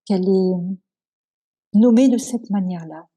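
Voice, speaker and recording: As an interview guest, a woman with a mellow, mid-range voice recounts her personal experience earnestly and with emotion. The telling is hesitant, broken by frequent pauses and restarts.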